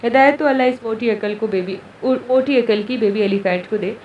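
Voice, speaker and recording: A woman's voice: a little high, fairly quick, muffled recording, slight background noise, lightly acted. A woman reading a teasing young husband. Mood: bickering. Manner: bantering, affectionate. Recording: echoey room, distant mic.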